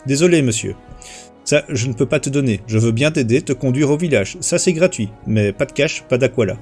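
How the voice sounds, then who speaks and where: A man's voice: mid-range voice, expressive, fairly quick, a little mellow, soft background music, lightly acted. A man voicing a poor rural man who offers help but firmly asks for payment, in a plain, direct and polite way. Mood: matter-of-fact.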